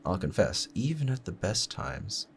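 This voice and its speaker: Heavily acted, this romantic audio roleplay has a man voicing a lethal male assassin who has fallen for the listener. He speaks low and creaky, formal and unhurried, confiding with calm pride that is both threatening and gentle. A slight hiss or hum sits underneath, and the feeling is tender and regretful.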